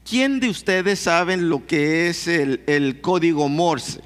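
Man, pastor, sermon storytelling, high voice, echoing hall. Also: slow pace, a bit bright. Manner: storytelling, asks the congregation questions. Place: church hall. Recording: long hall reverb.

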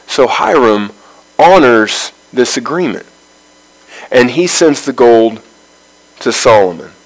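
A man leading a Bible study, reading scripture aloud and then explaining it verse by verse in a measured way, with pauses between phrases. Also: mid-range voice, expressive, rough recording.

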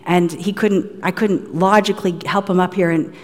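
A middle-aged woman preaching a sermon in a lively, conversational way, full of casual asides to the congregation. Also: lowish voice, normal speed. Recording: long hall reverb.

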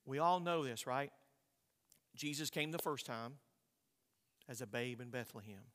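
A man's voice: mid-range voice, unhurried, a bit bright, big-room sound, slight background noise. A male pastor preaching a sermon, emphatic, repeating his words and asking his congregation rhetorical questions.

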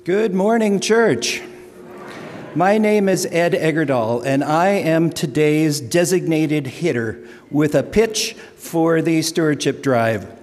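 A man's voice: fairly high pitch, takes it slowly, darkish tone. An older man speaking to his congregation about the pledge drive, telling folksy stories with self-deprecating asides. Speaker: lay speaker for stewardship drive. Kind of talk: humorous church announcement with jokes. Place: church sanctuary. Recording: long church reverb.

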